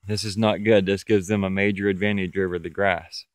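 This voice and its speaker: A man's voice: sits low, level tone, a little fast, no echo. A farmer giving a plain, matter-of-fact walking tour of his pasture, talking to a camera he holds outdoors. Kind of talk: walking field tour, explaining. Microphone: camera held while walking.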